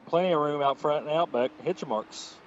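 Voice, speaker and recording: A man's voice: on the high side, brisk, a little hiss or hum. A man acting as a race spotter, giving short, clipped calls over team radio. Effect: terse pit radio calls over team voice chat. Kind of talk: sim racing spotter calls. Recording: dull lo-fi voice chat line.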